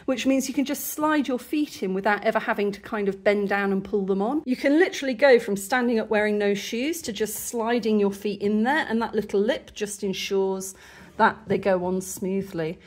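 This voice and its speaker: A woman from the UK chatting casually through a shopping haul at home, chuckling now and then. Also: a little high. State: slightly out of breath. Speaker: vlogger. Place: home in Rwanda.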